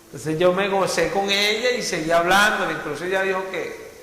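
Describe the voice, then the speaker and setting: A man's voice: sits high, moderate pace, pushed and bright, a little hiss or hum. A man preaching a sermon as pastor, fervently asking the congregation rhetorical questions. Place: church hall. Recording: echoey church hall, faint music.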